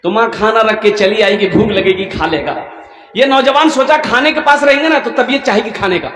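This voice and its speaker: High-voiced man telling funny stories. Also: brisk. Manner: lively, acts out the voices. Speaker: religious storyteller. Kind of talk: humorous storytelling to a live audience. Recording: echoey hall with faint noise.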